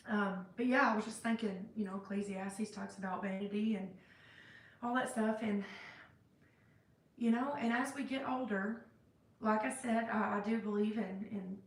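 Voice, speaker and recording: Chatty rambling woman in a roomy space. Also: medium pitch. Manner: rambling and chatty, many fillers and restarts; self-described hyper and sentimental. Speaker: vlogger. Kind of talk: casual reflective faith-based vlog. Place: indoors, cold room. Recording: roomy sound, mic at a distance.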